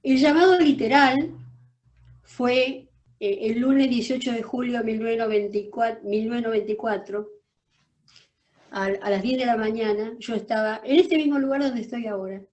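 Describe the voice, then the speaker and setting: A woman's voice: a little high, normal speed, lo-fi sound. Emphatic older woman with a Rioplatense accent. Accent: Rioplatense Spanish. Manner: emphatic, animated, repeats words when she restarts. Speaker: guest. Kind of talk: personal storytelling in an interview. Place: her office.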